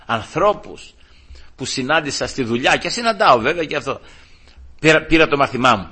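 A man preaching a sermon with passion, moving from hushed, tender passages to loud rhetorical questions and often calling his listeners brothers. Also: medium pitch, expressive, husky. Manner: repeatedly addresses listeners as brothers.

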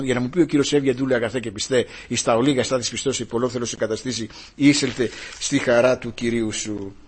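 A man preaching an impassioned sermon, swinging from hushed tones to shouted rhetorical questions. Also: mid-range voice, husky.

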